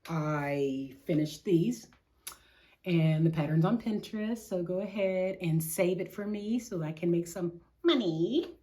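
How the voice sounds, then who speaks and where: A woman's voice: fairly low pitch, a little slow, warm tone. A middle-aged woman hosting a craft vlog, chatting casually in a rambling, slangy way with self-deprecating humor. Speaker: craft show host.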